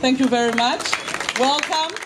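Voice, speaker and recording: Woman host at a loud book launch. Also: high-pitched, normal speed, crowd noise, noisy background. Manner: casual, slightly hesitant with fillers. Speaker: event host. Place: festival event hall. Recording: distant mic in loud crowded venue.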